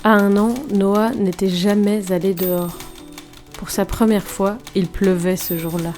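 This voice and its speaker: A woman reading a scripted first-person narration in a calm, reflective way. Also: medium pitch, measured pace, soft background music. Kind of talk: scripted narration read from a comic.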